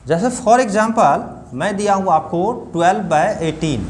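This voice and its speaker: A man's voice: sits high, animated, slow, a little hiss or hum. A man teaching a maths class step by step, asking his students questions. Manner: addresses students as children, explains step by step with repeated questions. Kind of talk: classroom lesson.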